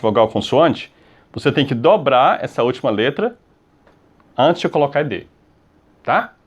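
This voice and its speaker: A Brazilian man teaching an English grammar lesson. He stretches out the example words and keeps checking in with the class between steps. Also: mid-range voice. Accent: Brazilian Portuguese. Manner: drawn-out model words, repeated checks like "tá?" and "ok?". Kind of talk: explaining grammar rules on a video lesson.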